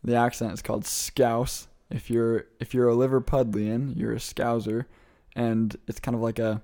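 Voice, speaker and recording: Speaking at normal speed with a medium-pitched, dark voice that moves little in pitch, a young man from the Midwestern United States answers interview questions. He's a returned missionary on as a guest, eager and chatty and laughing readily.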